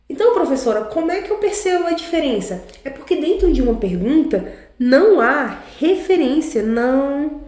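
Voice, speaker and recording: A woman teacher explains a lesson patiently, piece by piece, often ending sentences with a quick check on her students. Her voice sits a bit high but sounds mellow. The room around her is noticeably echoey. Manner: explains slowly, often tags sentences with a question. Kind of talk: online class lesson.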